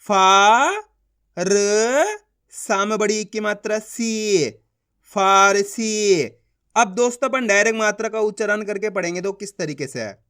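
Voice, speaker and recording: Clear-voiced man teaching reading slowly. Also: sits high, fairly bright tone. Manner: slow, drawn-out syllable sounding with repeated questions to the learner. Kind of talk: Hindi reading lesson for beginners.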